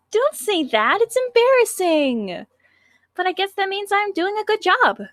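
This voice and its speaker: A woman voicing a bubbly, clumsy, cheerful teenage schoolgirl in a squeaky, sing-song, whiny voice while reading a visual novel aloud. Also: very animated, takes it slowly, a bit bright, no room sound, clean studio sound, heavily acted.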